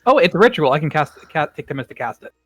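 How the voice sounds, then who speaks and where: A man's voice: on the high side, big pitch swings, fast, fairly bright tone, no echo, highs cut off, faint music behind. A man playing in a tabletop game, talking in an easygoing, tentative way. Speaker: player. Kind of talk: casual tabletop chat.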